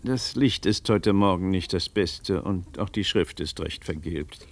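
Playing a troubled, well-read magistrate in a German radio drama, this actor speaks low and gravelly in measured, brooding, literary phrasing. Here he sounds hesitant and gentle.

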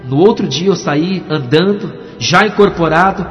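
A man's voice: sits high, moderate pace, faint music behind. A pastor giving a dramatic testimony sermon, acting out the voices in his story. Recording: dull recording with long hall reverb.

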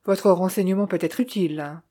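A woman's voice: on the low side, normal speed, warm tone, close to an everyday voice. A woman reading the part of a cold millionaire man who answers curtly and dismissively. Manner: curt, dismissive.

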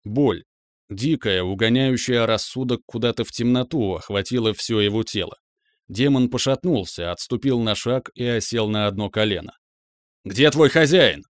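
A man narrating an audiobook in a steady, expressive storytelling voice. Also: on the low side, moderate pace, no echo, studio quality.

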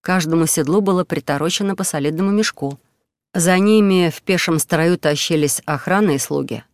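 A man narrating an audiobook story in a steady, expressive way. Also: a little high, a little fast, no room sound.

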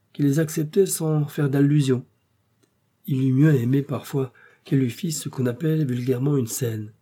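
A man reads aloud from a classic novel at a steady, measured pace. His voice sits at a medium pitch and has a slightly rough texture, in the manner of an audiobook narrator.

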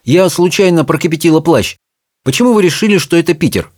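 A man's voice: on the high side, animated, quick pace, a little mellow, dry recording, studio quality, voice pushed up, natural voice. A man voicing a polite, somewhat flustered young girl in a storybook reading. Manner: polite, hesitant.

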